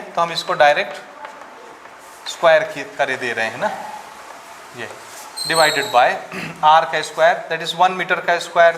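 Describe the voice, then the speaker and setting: A man teaches physics to a class in a slightly high voice, working numbers out aloud and asking students for answers. The room is echoey, with faint noise behind him. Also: fairly bright tone. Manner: asks students questions, works sums aloud. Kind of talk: classroom lecture.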